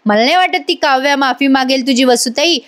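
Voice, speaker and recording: A woman's voice: high-pitched, brisk, fairly bright tone. A woman voicing a plotting middle-aged aunt who eggs her sister on, in a serial recap. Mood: conspiring.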